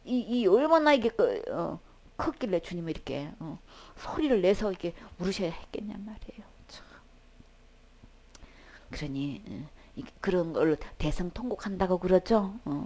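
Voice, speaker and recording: Female preacher, Seoul accent, slightly high voice, emphatic sermon with lots of rhetorical questions to the congregation. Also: a little mellow. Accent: Seoul Korean. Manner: emphatic, asks the congregation questions, many fillers.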